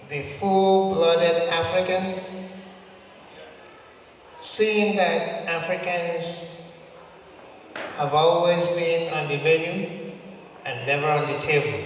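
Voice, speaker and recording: A man from Nigeria speaking on a panel in slow, deliberate phrases. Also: fairly high pitch, fairly bright tone, a little hiss or hum. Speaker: state representative, panelist. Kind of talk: panel remarks. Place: large event hall. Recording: echoey hall, far from the mic.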